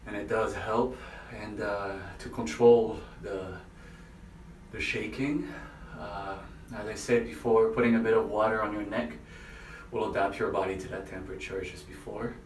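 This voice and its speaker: A man speaking haltingly in short phrases, giving a casual, unscripted instructional vlog from a bathroom. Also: fairly low pitch, steady tone. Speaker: vlogger demonstrating an ice bath. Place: indoors in a bathroom by or in a bathtub. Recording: echoey bathroom, distant mic, faint noise.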